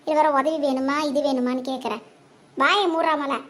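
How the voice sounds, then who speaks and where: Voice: fairly even intonation, moderate pace, a bit bright. A performer voicing a quarrelsome elderly mother in a cartoon, nagging and hurling insults at her son. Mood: scolding. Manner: shrill nagging scolding, insults. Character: quarrelsome elderly mother, sharp-tongued and scolding. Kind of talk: cartoon comedy voice acting.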